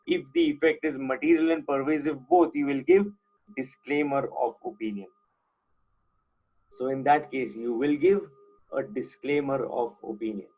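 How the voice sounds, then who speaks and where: A man's voice: medium pitch, a little mellow, slightly rough, rough recording. A man teaching an online class, putting questions to students and repeating the key points.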